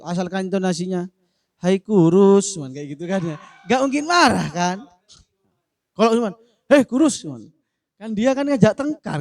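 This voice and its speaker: A man's voice: high voice, a little mellow, dry recording. A man in a casual discussion, answering in a playful, joking way. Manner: playful, joking, acts out example phrases. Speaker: discussion speaker answering a question.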